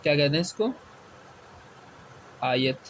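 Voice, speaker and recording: Male Quran teacher repeating questions slowly. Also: fairly high pitch. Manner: asks questions and answers them himself, repeats key words slowly. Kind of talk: step-by-step classroom explanation. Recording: faint background noise.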